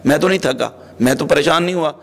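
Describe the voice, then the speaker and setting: A man's voice: fairly high pitch, creaky. A man voicing an elderly father in a sermon story, pleading tearfully with his grown son. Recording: long hall reverb.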